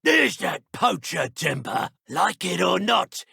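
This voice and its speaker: A British dark wizard poacher from a video game, full of menace, taunts and sneers with theatrical flair in a full character voice. His pitch swings widely, carrying some gravel and a husky edge, and his colloquial, threat-laden lines come slow and sing-song. This is video game voice acting, recorded with clean studio sound and no echo.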